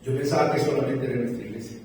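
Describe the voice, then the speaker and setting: A man preaching a sermon as pastor, telling stories and swinging from loud emphatic peaks to quiet low passages. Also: rapid-fire. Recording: echoey church hall from far off, faint noise.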